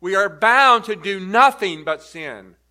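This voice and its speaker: A man preaching a sermon, emphatic and building to forceful repeated stresses. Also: sits high, expressive, a little slow.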